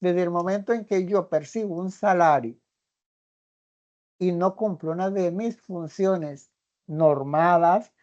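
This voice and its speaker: A woman student speaks up in an online class, thinking aloud and restarting her sentences. Her voice sits low. The call audio sounds dull and lo-fi. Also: slow pace, a little mellow. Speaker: student, regional adviser.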